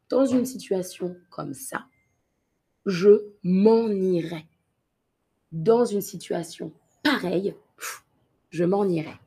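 A woman teaching a live online vocabulary lesson, slowly repeating each word and example for learners and greeting viewers by name. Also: mid-range voice, dark tone, husky. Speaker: French teacher.

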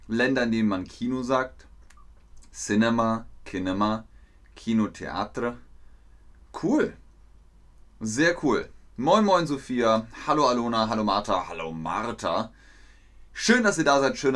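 A man teaching a language lesson on a live stream, speaking slowly and clearly, repeating simple phrases and acting out short dialogues. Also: medium pitch, animated, fairly bright tone. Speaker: German teacher streaming online.

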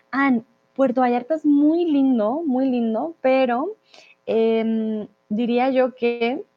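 A woman from Colombia teaching Spanish in a live online class, reading out viewer comments and slowly stressing key words. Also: a little high, muffled recording. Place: Mexico.

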